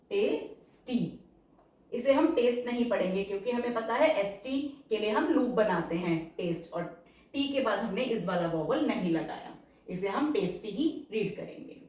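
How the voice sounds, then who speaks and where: A woman teaching shorthand step by step, patiently checking that each word is clear. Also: fairly high pitch, darkish tone, recorded from a distance. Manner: slow, patient, checks understanding. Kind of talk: step-by-step lesson explanation. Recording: echoey room, voice away from mic.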